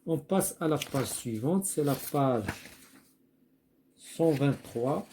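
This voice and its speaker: A man with a Moroccan accent teaching French spelling, slowly repeating each word and thinking aloud as he goes. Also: fairly high pitch, expressive, dark tone, slight background noise. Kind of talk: slow classroom explanation.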